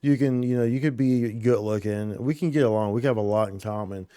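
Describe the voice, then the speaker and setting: A man's voice: mid-range voice, a little fast, mellow, clean tone, no echo, clean studio sound. A male streamer chatting casually over gameplay in a rambling, slangy way, full of "dude" and "like".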